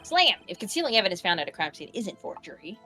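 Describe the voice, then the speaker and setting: A woman's voice: mid-range voice, sing-song, fast, bright, forceful tone, soft background music. A woman voicing an earnest young male defense lawyer in a game playthrough, with dramatic, accusing delivery.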